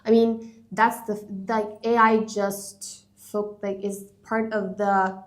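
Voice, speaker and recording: Woman co-host, mid-pitched, easygoing, raises what-if questions in relaxed talk. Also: takes it slowly. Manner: conversational, poses what-if questions, laughs easily. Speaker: podcast co-host. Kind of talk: casual chat.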